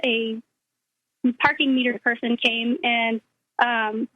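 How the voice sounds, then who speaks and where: A woman's voice: on the high side, level tone, slow, dry recording. A woman calling in to a radio talk show, chatty and full of um fillers, her phone line cutting out as she speaks. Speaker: caller. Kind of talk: call-in radio conversation. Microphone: telephone.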